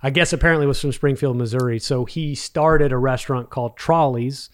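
A man's voice: medium pitch, a little fast. Guy with a light texas accent, chatty, telling stories on a podcast. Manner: chatty storyteller. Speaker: podcast guest. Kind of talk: casual conversation.

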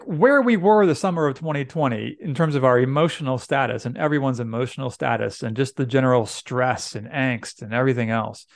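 A man's voice: medium pitch, creaky, no room sound, clean studio sound. A middle-aged man, a pastor co-hosting a podcast, talking casually with lots of fillers and easy laughs. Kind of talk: casual chat.

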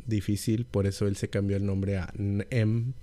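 A man's voice: lowish voice, little pitch movement, moderate pace, dark tone. A man co-hosting a casual film podcast, chatty and rambling with frequent restarts. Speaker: podcast co-host.

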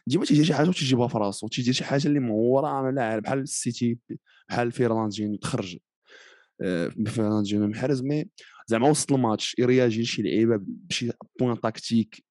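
A man's voice: mid-range voice, very fast, darkish tone, no room sound, clean studio sound. A man with a Moroccan accent in a casual football discussion, explaining his points and mixing in French phrases.

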